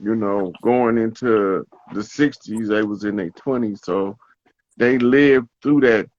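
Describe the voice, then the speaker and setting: A man in casual conversation, relaxed and storytelling, who acts out the voices of the people he talks about. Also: fairly low pitch, takes it slowly, highs cut off.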